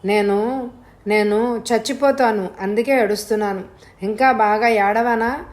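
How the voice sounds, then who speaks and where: A woman's voice: a little high, steady tone, unhurried, natural voice. A woman voicing a young woman who feigns madness, talking in a childlike singsong, in a storybook reading. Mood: feigning madness.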